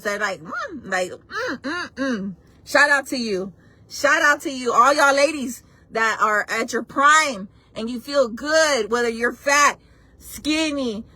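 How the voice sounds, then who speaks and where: A woman's voice: high-pitched, pushed and bright, no room sound. A woman in her forties hosting a casual livestream chat, talking bluntly and playfully while she reacts to her chat. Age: 40s. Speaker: livestream host.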